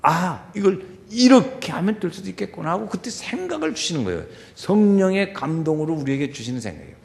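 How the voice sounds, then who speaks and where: A male pastor preaching a sermon, dropping to quiet murmurs and rising to shouted pleading as he acts out prayers. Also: sits high, sing-song, a little fast, creaky, in a large hall.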